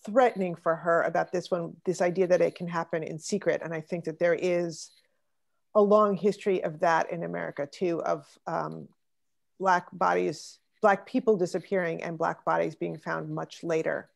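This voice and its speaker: A woman leads an online art discussion over a video call, calling on participants by name and thoughtfully reflecting on their comments. Her voice is on the low side and creaky, with a steady tone and moderate pace.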